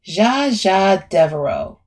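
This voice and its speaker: A woman voicing a smooth, brash middle-aged male lawyer who talks bluntly and swears. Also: medium pitch, sing-song, slow pace, a little mellow.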